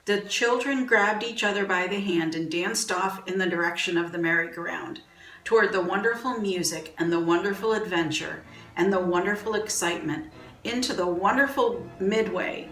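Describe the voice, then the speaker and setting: A woman reads a children's book aloud in a gentle, expressive storytelling manner. Her voice sits at an ordinary pitch. It is heard from a distance in a roomy space, with faint music behind.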